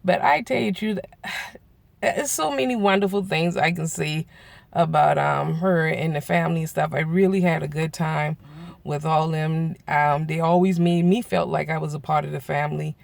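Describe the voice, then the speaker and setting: A man, telling a story to his viewers in a casual, animated way and acting out the voices of people he quotes. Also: fairly high pitch, normal speed, no echo. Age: 40s. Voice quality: gravelly. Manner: animated, acts out quoted voices, laughs often. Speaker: vlogger.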